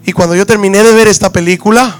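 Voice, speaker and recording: A man's voice: high voice, steady tone, fast, faint music behind. A man preaching as pastor, reading scripture, praying and giving an emphatic sermon that repeats its key phrases.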